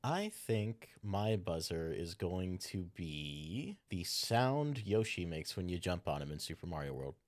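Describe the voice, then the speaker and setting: Podcast guest, male, relaxed; lowish pitch with lively inflection. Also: measured pace, few pauses. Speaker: podcast guest, quiz contestant. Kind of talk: casual podcast chat.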